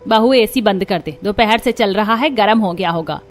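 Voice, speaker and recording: A woman voicing a stingy, bossy middle-aged mother-in-law in a cartoon, sharp-tongued and scolding. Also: mid-range voice, moderate pace, natural voice. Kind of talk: cartoon voice acting.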